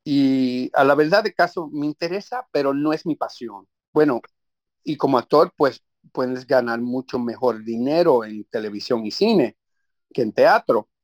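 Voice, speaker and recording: A man's voice: mid-range voice, unhurried, no echo. Man, middle-aged, Puerto Rican Spanish accent, stage actor, interview answers, reflective, restarts sentences, dry close sound. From Puerto Rico. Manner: reflective, warm storytelling with many restarts.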